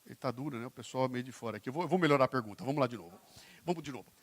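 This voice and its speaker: A man's voice: medium pitch, very fast. A man with a Brazilian Portuguese accent giving a motivational lecture on stage, joking with and quizzing his audience. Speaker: keynote speaker. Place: stage before a live audience.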